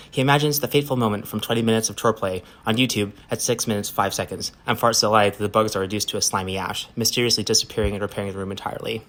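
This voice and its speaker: A man reading a story aloud in a rapid, matter-of-fact way, with occasional slips. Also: fairly low pitch, a bit bright. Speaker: reader.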